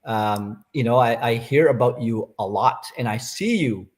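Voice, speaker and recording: Soft-spoken, hesitant Canadian man. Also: medium pitch, a little slow, a little hiss or hum. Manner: soft-spoken, hesitant, many ums and uhs. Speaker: guest. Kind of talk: casual interview chat.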